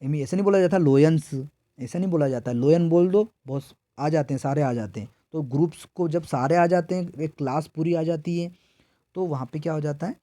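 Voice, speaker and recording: A man's voice: a little high, moderate pace, warm tone, no echo, studio quality. A man from India teaching an exam preparation grammar lesson. He keeps asking his own questions and answering them, and he repeats each answer several times. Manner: repetitive call-and-response questioning.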